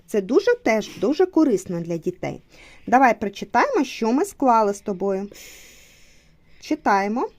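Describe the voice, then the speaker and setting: A woman's voice: a little high, sing-song, normal speed, a little mellow. A young woman, a mother, patiently teaching her child at home and explaining to viewers, encouraging him and repeating short instructions.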